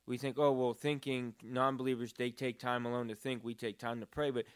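A man's voice: mid-range voice, little pitch movement, brisk, clean tone. A man talking about prayer in a casual, earnest and rambling way, with many fillers. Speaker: podcast co-host. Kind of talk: casual faith talk.

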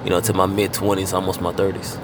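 Laid-back low-voiced man, traffic noise. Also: flat delivery, fast. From Fort Lauderdale, Florida. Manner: laid-back, heavy on fillers and casual swearing. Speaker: guest rapper. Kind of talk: casual interview chat.

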